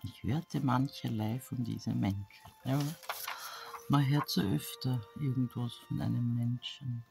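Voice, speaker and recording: Lady unboxing, slow gravelly voice, mumbles and half-whispers to herself, bit of quiet music behind. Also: very deep voice, fairly even intonation. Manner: slow, musing, half-whispered reading aloud. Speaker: craft vlogger opening an advent calendar. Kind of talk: casual unboxing chat. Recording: soft background music.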